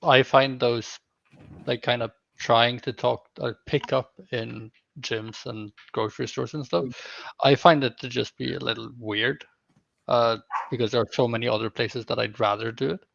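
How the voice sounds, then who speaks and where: A man's voice: mid-range voice, steady tone, normal speed, creaky, a bit bright, lo-fi sound. A man co-hosting in a casual chat, giving his own opinion.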